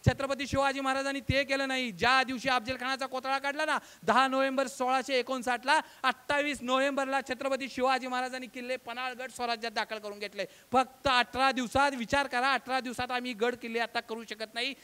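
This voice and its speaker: A man giving a motivational public lecture, talking straight to the crowd with rhetorical questions and swinging from loud declaiming to low, close tones. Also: level tone, fast talker, hardly any pauses, smooth. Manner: emphatic oratory, addresses audience as friends, rhetorical questions. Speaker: guest lecturer.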